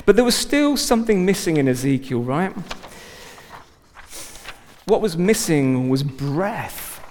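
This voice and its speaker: A man preaching a sermon as pastor, emphatic and rising to loud exclamations. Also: on the high side, big pitch swings, slow pace, a little hiss or hum. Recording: long hall reverb.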